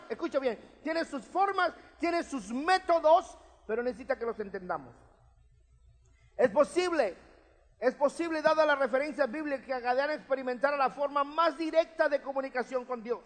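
A man, preaching a sermon as pastor in a conversational way, often checking in with his listeners. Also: very high voice. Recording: long hall reverb.

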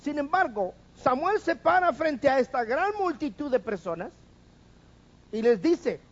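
A man's voice: very high-pitched, big pitch swings, a little slow, dull audio. A man preaching a sermon, firing rhetorical questions at the congregation and having them repeat after him.

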